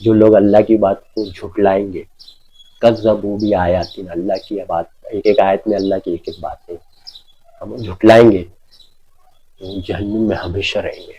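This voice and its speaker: A man giving an informal sermon, emphatic, often asking his listeners whether they understand and reciting scripture verses slowly. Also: fairly low pitch, fairly even intonation, slightly rough, muffled recording. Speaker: preacher.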